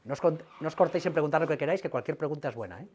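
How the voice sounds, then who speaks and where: A man, a guest speaker telling personal stories to an audience, acting out dialogue lively and swearing casually. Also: on the high side, rapid-fire, slight background noise. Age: 40s.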